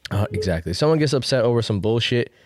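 A man's voice: mid-range voice, expressive, quick pace. A man in his late twenties chatting casually on a podcast, slangy and repeating himself, with lots of "bro" and "man". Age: late 20s. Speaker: podcast co-host. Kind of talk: casual chat.

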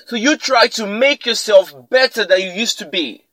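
A man with a high voice gives a motivational podcast talk and leans hard on his main points, often saying them twice. The sound is close and dry, with almost no room around it. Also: moderate pace, pushed and bright, no room sound, poor audio. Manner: emphatic, repeats key lines for effect. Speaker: podcast host.

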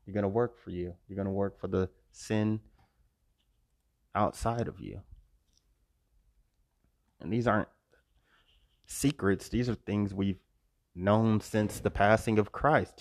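Earnest low-voiced man preaching outdoors. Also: a little mellow, no echo, studio quality. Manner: earnest, preachy, repeats phrases. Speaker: vlogger. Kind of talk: spiritual monologue. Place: outdoors by a road. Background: passing cars and wind.

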